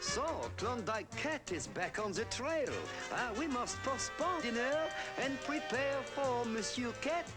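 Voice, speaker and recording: A man's voice: very high voice, expressive, a little slow, hardly any pauses. A man voicing a sly, boastful little cartoon mouse thief. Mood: smug. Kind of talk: cartoon voice acting. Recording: loud music behind, old cartoon soundtrack.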